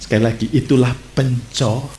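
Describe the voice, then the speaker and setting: A man preaching a sermon as a pastor, telling stories with lively gestures and speaking straight to his congregation. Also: mid-range voice, fairly quick, a little hiss or hum. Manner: animated storytelling preacher, addresses audience directly. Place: church. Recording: echoey church hall.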